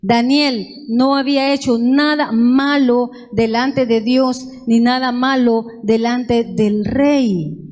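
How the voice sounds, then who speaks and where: A woman preaching in a church, slowly reading a Bible passage aloud and stopping to ask the congregation questions. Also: fairly high pitch, steady tone, a little mellow, faint music behind. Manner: reads scripture aloud with asides and questions to the congregation. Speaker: church speaker. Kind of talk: slow Bible-reading sermon.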